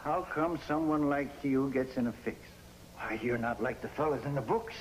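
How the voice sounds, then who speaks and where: An actor playing a shrewd, probing elderly lighthouse keeper in an old television drama, talking in a folksy, hesitant way. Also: male voice, medium pitch, normal speed, lightly acted, low-quality recording. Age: older. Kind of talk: 1950s television drama acting. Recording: old television recording with faint hiss.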